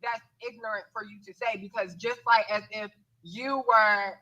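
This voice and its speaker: A woman's voice: mid-range voice, steady tone, moderate pace, bright, forceful tone, dull audio. A woman in her twenties, a caller who firmly stands her ground in an argument. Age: 20s. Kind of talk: heated on-air argument.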